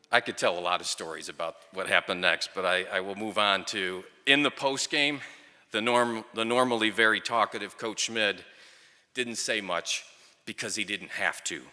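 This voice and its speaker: A man's voice: fairly low pitch, moderate pace, pushed and bright. A middle-aged man giving a storytelling tribute speech at a ceremony, with wry, dry humour. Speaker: speaker at a ceremony, former player and coach. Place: large hall or venue, speaking to an audience at a microphone. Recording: echoey hall with long reverb.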